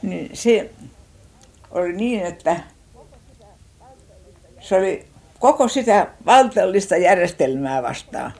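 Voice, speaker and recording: Speaking in a lowish, expressive voice with a creaky, warm quality, an older woman from Finland unhurriedly recalls her childhood. She often stops to search for words and restarts what she was saying.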